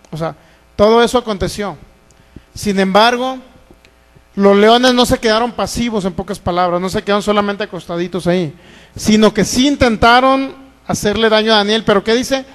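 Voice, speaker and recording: A man from Mexico preaches a sermon in a high, light voice, often putting questions to his congregation and answering them himself. His voice rings out with the long reverb of a church hall. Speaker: pastor. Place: church sanctuary.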